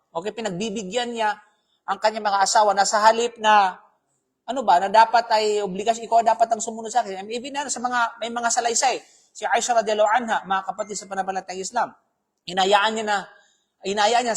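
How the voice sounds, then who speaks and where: A man giving a live Islamic talk as a preacher, speaking conversationally, often checking with the audience and mixing in English phrases. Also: sits high. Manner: conversational, keeps asking "di ba?", mixes in English phrases.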